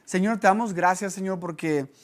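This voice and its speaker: A man, a pastor giving a conversational sermon, who tells stories with lively energy. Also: high voice, moderate pace. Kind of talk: sermon teaching.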